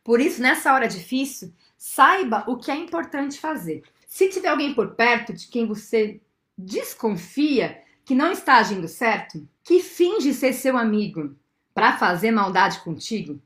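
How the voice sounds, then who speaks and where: A high, bright-voiced woman with a Brazilian accent tells a children's story in an animated way, turning to the young listeners with little questions. Her voice rings in a roomy space, with a ukulele playing softly behind her. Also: a little slow. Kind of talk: reading a children's book aloud with songs. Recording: roomy sound with faint ukulele.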